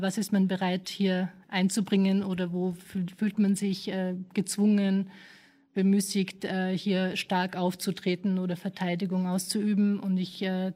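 Hesitant woman with a flat, mellow voice. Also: medium pitch. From Afghanistan. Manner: hesitant, many fillers and restarts. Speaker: panel guest. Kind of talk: radio interview.

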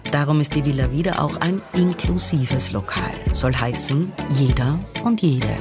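A woman reporter reading a scripted news feature narration in a composed, even way. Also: low voice, normal speed, loud music behind the voice. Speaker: radio reporter.

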